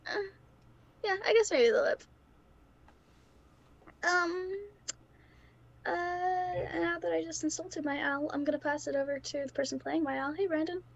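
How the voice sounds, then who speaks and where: A woman with a high voice and plenty of creak in it. She sounds under the weather, as with a cough, and talks in a casual, chatty way as a tabletop player. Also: steady tone, unhurried, pauses often, highs cut off. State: sick with a cough. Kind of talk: casual chat.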